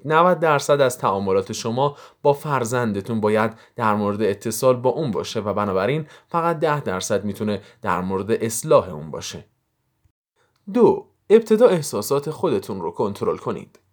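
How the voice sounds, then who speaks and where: Steady male narrator reading advice. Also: medium pitch. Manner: steady, explanatory reading of numbered tips. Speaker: narrator of a psychology audio series. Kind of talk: scripted narration.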